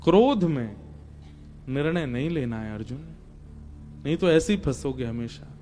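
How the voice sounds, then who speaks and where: A man's voice: very high voice, moderate pace, a bit bright. A man voicing the god Krishna as a playful, coaxing guide who questions and urges his friend in a religious storytelling talk. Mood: calm advice. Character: Lord Krishna, divine male guide, playful and teasing.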